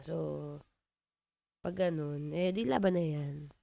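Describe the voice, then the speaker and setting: A young woman with a Filipino accent hosts a live radio show in a deep, low-set voice. She banters playfully with her listeners. The studio sound is close and dry. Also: fairly even intonation, takes it slowly, gravelly, mellow, dry recording. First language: Tagalog. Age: 20s. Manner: playful, teasing, laughs often. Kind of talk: live radio chat reading comments.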